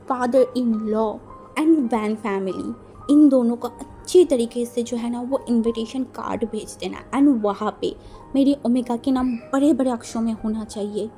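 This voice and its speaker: A proud young husband in a storybook retelling, voiced by a woman narrator, handing out instructions slowly and deliberately. The tone stays close to her own voice, high but dark and mellow. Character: proud young husband giving orders by phone.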